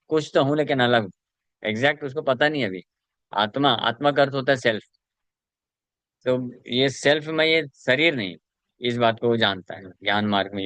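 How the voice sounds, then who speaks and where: With a medium-pitched, fairly bright voice and no echo, this man is a spiritual teacher giving an explanatory devotional talk on scripture. He recites Sanskrit verses and drops English terms into his speech.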